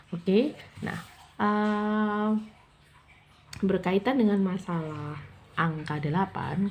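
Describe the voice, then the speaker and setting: Woman English tutor, patient, repeats words slowly, lowish mellow voice, faint hiss. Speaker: English teacher for mothers. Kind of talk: casual classroom explanation.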